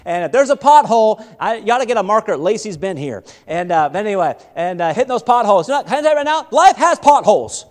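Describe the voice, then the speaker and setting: Pastor, male, high voice, lively sermon delivery with lots of restarts, long church reverb. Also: fast talker, hardly any pauses. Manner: animated preaching, voice swells and drops with many restarts. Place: church sanctuary.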